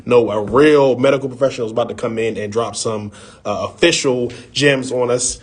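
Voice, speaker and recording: A man hosts an interview over a video call, casual and joking, his speech full of fillers and repeated phrases. He has a medium-pitched, husky voice and a brisk pace.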